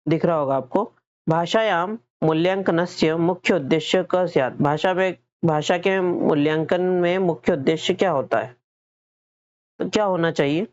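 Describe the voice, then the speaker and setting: A man's voice: a little high, moderate pace, a little mellow, no echo, lo-fi sound. Man teaching an exam-prep lesson. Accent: Hindi. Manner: explains step by step, repeating and self-correcting; asks questions then answers them.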